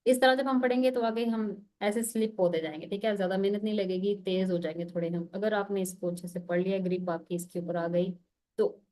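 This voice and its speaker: Female teacher, patient and methodical, voice at a middle pitch, sounds out letters one by one. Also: fairly even intonation, a little fast, darkish tone. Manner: patient, repeats "okay" to check understanding. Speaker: Quran recitation teacher. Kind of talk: online lesson.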